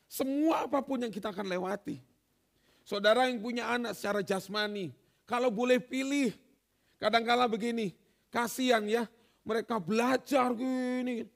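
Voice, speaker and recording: A man preaching a sermon, telling stories and acting out quoted dialogue, swinging between loud and soft. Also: extremely high pitch, fairly even intonation, moderate pace, creaky.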